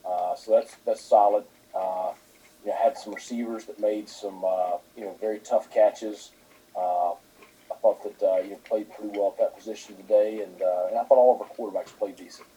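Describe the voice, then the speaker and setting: A man, a football head coach, answering questions at a press conference in a halting way, with many fillers. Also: on the low side, steady tone, dark tone, a little hiss or hum, low-quality recording.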